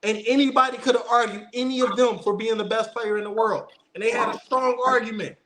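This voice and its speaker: A man with a high-pitched voice talks sports in a casual, opinionated way. He is emphatic and insistent, repeating phrases to drive them home. There is clear noise behind him. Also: steady tone, brisk. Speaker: host of a basketball debate show.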